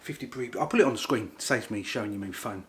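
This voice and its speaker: Talking fast in a fairly low voice, a middle-aged man from England chats casually to camera in a vlog. He rambles, says things over again, and uses informal working-class grammar; a slight hiss or hum is audible.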